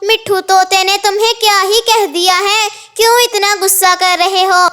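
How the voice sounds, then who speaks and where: Cartoon: sensible, no-nonsense female sparrow, bright and piping, a woman voicing her. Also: very high voice, fairly even intonation, moderate pace. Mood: chiding. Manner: matter-of-fact, gently chiding. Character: frank sensible female sparrow, calm and blunt. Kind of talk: cartoon voice acting.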